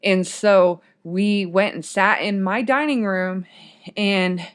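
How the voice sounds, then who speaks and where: Woman guest, chatty storyteller, wanders off topic, mid-pitched voice. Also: slow, clear, resonant tone. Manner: rambling, goes off on tangents. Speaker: podcast guest. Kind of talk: casual storytelling. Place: podcast studio.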